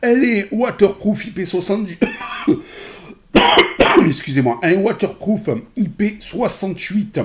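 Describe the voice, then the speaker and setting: A man's voice: high voice, expressive, measured pace, pauses often, darkish tone. A man giving a casual unboxing review of a smartwatch, rambling with many fillers and self-corrections while handling the product. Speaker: tech reviewer.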